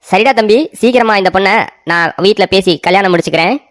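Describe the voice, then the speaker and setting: A woman's voice: medium pitch, fast talker, soft background music, close to an everyday voice. A woman voicing a bossy, melodramatic older brother in a cartoon story, talking in a scolding, blustering way. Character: bossy, self-pitying elder brother, grown man.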